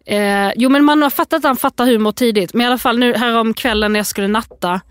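A woman's voice: fairly high pitch, clean tone, dry recording, studio quality. A woman co-hosting a casual chat, telling stories animatedly and acting out her toddler's lines. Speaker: podcast co-host.

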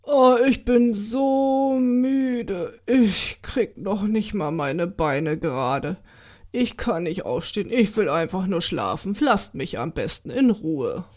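A woman's voice: a little high, animated, normal speed, few pauses, natural voice. A woman voicing a boastful, sly young male mule in a children's storybook reading. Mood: drowsy. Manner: cocky, then sleepy and drawling.

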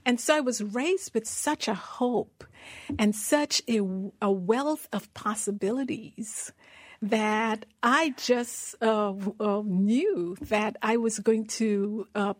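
A woman's voice: on the high side, slow pace, no echo, clean studio sound. A middle-aged woman from Guyana, a guest in an interview, telling her story earnestly. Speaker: guest, managing director. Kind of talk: interview conversation.

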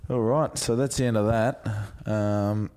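A man's voice: fairly low pitch, fairly even intonation, a little slow, dark tone, clear, resonant tone. An Australian man co-hosting a sports podcast, chatting casually in laid-back, blokey Aussie slang. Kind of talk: casual footy podcast chat.

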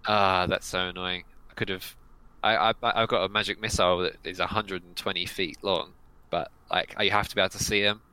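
Deep, bright-toned man playing a tabletop game. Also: flat delivery, a little fast, clear, resonant tone, no echo, poor audio. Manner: thinks aloud with restarts. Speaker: player.

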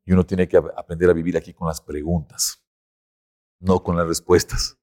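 A man, a podcast guest explaining things in an animated, conversational way. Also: sits low, moderate pace. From Ecuador. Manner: animated explainer, lifts his voice to act out quotes. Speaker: guest expert.

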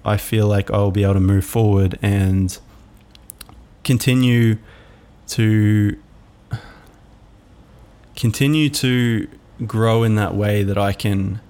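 A man hosting a reflective solo podcast, musing aloud in a halting way with many fillers. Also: on the low side, fairly even intonation, mellow. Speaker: podcast host.

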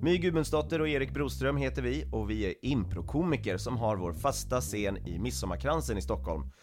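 A man co-hosting a comedy podcast, calm and measured as he introduces the show. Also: medium pitch, faint music behind. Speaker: podcast co-host, improv comedian. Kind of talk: casual podcast chat.

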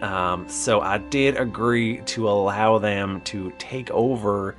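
A man playing a flustered, apologetic town leader in an improvised tabletop game, halting and stammering as he placates everyone. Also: lowish voice, a bit bright, faint music behind. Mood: flustered, placating. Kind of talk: improvised tabletop role-play.

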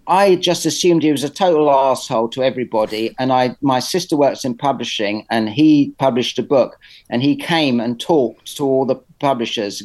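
A man's voice: medium pitch, darkish tone. British man chatting casually, hesitant and rambling. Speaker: artist being interviewed. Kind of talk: casual conversational interview.

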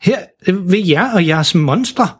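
A hesitant, stammering young girl, lost and bewildered in the snow, as a man puts her on. The voice sits well above the reader's own and is very husky and breathy, in a home-made storybook reading. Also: sits high, expressive, pitched above the performer's own voice, heavily acted. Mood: flustered.

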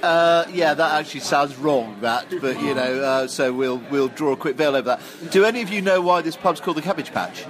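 A man's voice: fairly high pitch, fairly quick, hardly any pauses. A man chatting casually as a podcast guest. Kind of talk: casual chat. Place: busy pub. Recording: busy pub chatter behind.

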